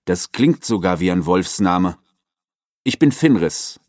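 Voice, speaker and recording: A man reading aloud and voicing a wounded male wolf, leader of his pack, who talks calmly and reassuringly. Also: low-pitched, slow pace, dry recording. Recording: dry close recording.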